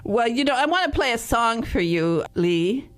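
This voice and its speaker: A woman's voice: fairly high pitch, lively intonation, moderate pace. A woman hosting a radio interview, chatty and rambling, laughing often between her questions. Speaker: radio host. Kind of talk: casual interview chat.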